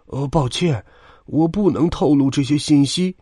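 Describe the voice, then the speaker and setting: A man's voice: fairly high pitch, measured pace, dark tone, slightly rough, dry recording, studio quality, pitched above the performer's own voice. A man voicing a grumbling, grudging old grey dog who runs the post office.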